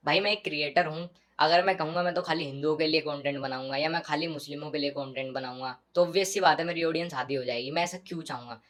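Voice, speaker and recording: A man's voice: fairly high pitch, fairly bright tone. A man, a content creator, giving a defensive direct-to-camera statement to his viewers.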